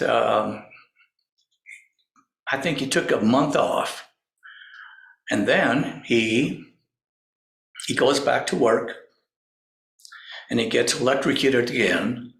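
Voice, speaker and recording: Male speaker, slow halting storyteller, gravelly voice, roomy echo. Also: medium pitch, a bit bright. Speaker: spiritual speaker. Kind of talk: storytelling talk.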